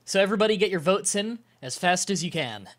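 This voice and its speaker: Congested, higher-pitched man with a nasal strip on. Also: animated. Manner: halting, with pauses to breathe and throat clearing. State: congested, short of breath. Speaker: live streamer. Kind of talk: casual livestream chat to viewers. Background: music.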